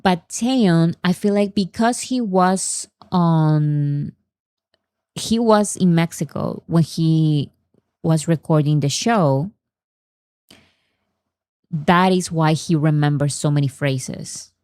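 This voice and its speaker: Low-voiced woman reacting casually. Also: slow pace, mellow, no room sound. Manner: chatty, thinks aloud, reads chat comments and answers them. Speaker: reaction channel host.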